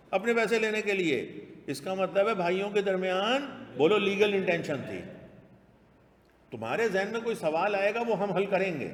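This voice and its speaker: A man with a Pakistani accent lecturing a classroom on law, emphatic and repeating key phrases for students to echo. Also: high voice. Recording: long-reverb classroom hall.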